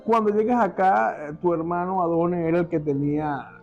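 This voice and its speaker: Host guy, slightly high voice, asks friendly questions, faint music. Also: steady tone, brisk, a little mellow, dull audio. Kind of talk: interview.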